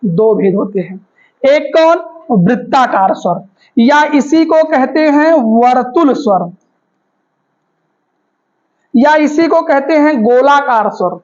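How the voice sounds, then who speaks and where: A woman teacher with a high voice leads a grammar lesson and drills the class. She asks questions, then answers them herself and repeats the terms. The recording is muffled and lo-fi. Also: animated, takes it slowly, pauses often, a little mellow. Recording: dull lo-fi recording.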